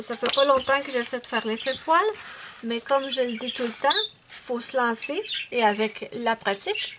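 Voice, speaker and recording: A high-pitched woman with a Québécois accent talks in a loose, rambling way, often calling her viewers her friends. A clear, steady hiss of noise sits under the recording. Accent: Quebec French. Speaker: adult coloring channel host. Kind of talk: casual show-and-tell chat.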